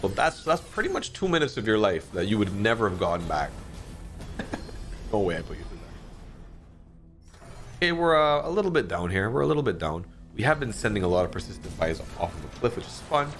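A man in his thirties talks through an online slot session at home in a relaxed, swearing, excitable way. His voice sits very low but spikes up sharply when a spin looks promising. Faint music plays quietly behind him. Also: a little fast. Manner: excitable, swears a lot, frequent pitch jumps. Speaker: slot streamer. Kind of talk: casual gameplay commentary. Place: dim home streaming room, indoors.

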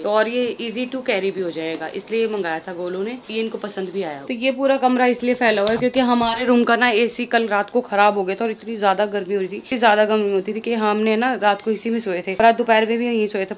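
A young woman talks casually through a home vlog, explaining each item as she tidies up. She is a little short of breath, and faint noise sits under her voice in the room. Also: medium pitch. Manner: chatty, explains things while tidying up. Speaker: family vlogger. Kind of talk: casual family vlog chat.

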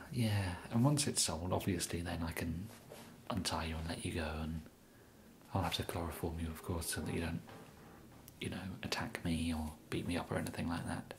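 A young English man acts a bumbling, apologetic, awkwardly polite kidnapper in a whispered ASMR roleplay. His hushed, low voice mixes breathy whispers and soft speech, hesitant, halting and rambling, with a sheepish, polite mood. It's recorded on a close mic with a little hiss or hum.

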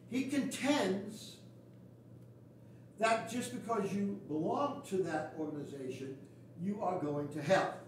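An older man preaches as pastor in a high-pitched voice, blunt, folksy and sarcastic. A far camera at the back of the pews of the small wooden sanctuary records him, so the church sounds echoey and distant, with slight background noise.

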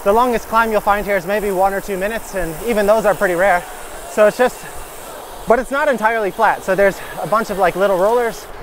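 On a gravel country road, a Michigan cyclist vlogs in a relaxed, excited, informal manner. His voice is high-pitched and fairly quick, and the low-quality recording carries slight background noise.

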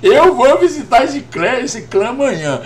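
A man's voice: very high-pitched, sing-song, measured pace. A Brazilian man in his fifties chatting jokily to viewers on a live game stream, repeating "rapaz" over and over. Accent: Brazilian Portuguese. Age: 50s. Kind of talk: live gameplay stream chat.

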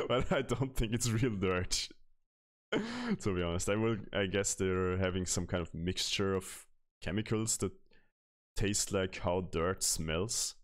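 A young man from Austria chatting casually with his stream chat while playing, laughing often and answering questions. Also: low-pitched. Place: small room at home, indoors. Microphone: headset microphone.

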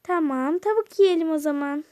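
A woman's voice: high voice, moderate pace, a little mellow, dry recording, studio quality, close to an everyday voice. A woman voicing a kind, caring aunt in a toy game role-play, affectionate and fussing over the children. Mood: fond. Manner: affectionate, fussing, calls everyone dear.

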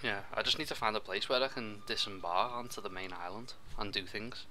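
A young man chatting while playing a co-op strategy game, excitable, with quick outbursts and laughs. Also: on the low side. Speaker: co-op gameplay commentator. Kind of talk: casual gaming chat.

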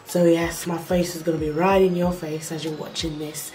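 Her voice is deep, mellow and flat, and her cold makes it nasal. The recording is rough with slight background noise as the young vlogger slowly walks through a makeup tutorial, chatty and full of fillers, from a small bedroom with the camera right up near her face.

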